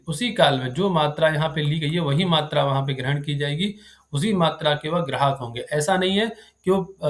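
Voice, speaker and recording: A man teaching Sanskrit grammar to a live class, who quizzes his students and keeps checking whether they have understood. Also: a little high.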